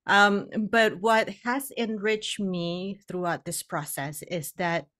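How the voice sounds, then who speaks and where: A woman's voice: mid-range voice, fairly even intonation, slow, a bit bright. A middle-aged woman from Indonesia, telling her story as a podcast guest over a video call, candid and often laughing between phrases. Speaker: guest, hypnotherapist and coach. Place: home room, indoors. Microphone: podcast microphone on video call.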